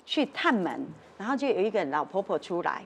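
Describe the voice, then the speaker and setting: A woman's voice: medium pitch, sing-song, a little fast, slight background noise. A woman with a Taiwanese accent telling a story on a talk show, acting out the voices of the people in it. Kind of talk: animated storytelling. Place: television studio.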